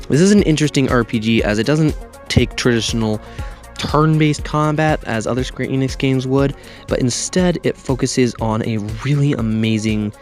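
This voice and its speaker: Rambling man muffled under a blanket. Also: medium pitch. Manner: rambling, self-correcting, jokey asides. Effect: muffled, recorded under a blanket. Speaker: game reviewer. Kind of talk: casual video game review. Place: under a blanket with pillows behind him.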